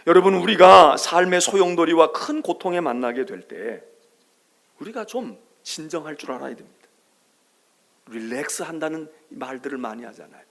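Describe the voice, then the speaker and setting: A middle-aged male pastor preaching a sermon, swinging between loud calls and hushed whispers and acting out soothing quoted voices. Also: fairly high pitch, lively intonation, normal speed, vocal fry. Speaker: senior pastor.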